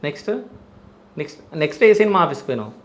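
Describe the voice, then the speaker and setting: Brief: male host, rapid and slightly high, teasing and pushy in a comedy interview. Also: big pitch swings. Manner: mocking, pushy questioning.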